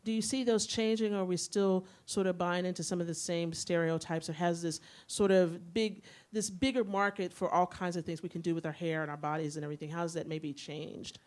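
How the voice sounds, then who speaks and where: A woman's voice: on the low side, fairly even intonation, brisk, few pauses, darkish tone. A woman interviewing a guest at a symposium, asking long, thoughtful questions.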